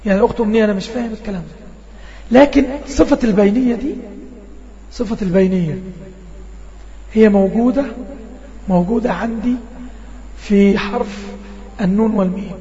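A man with an Egyptian accent teaching Quran recitation in an online lesson, voice a little strained, drawing out sample words slowly and checking in often with his class. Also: high-pitched, dark tone. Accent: Egyptian Arabic. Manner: slow drawn-out demonstrations of recited words. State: voice a bit strained. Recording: dull lo-fi audio with long reverb.

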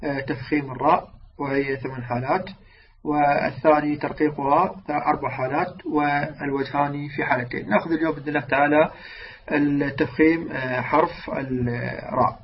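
High-voiced man teaching recitation rules. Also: fairly even intonation. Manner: stretches out example words slowly to demonstrate; asks the listeners questions and answers them himself. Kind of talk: religious lesson on recitation rules. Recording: distant, dull lo-fi mic with faint noise.

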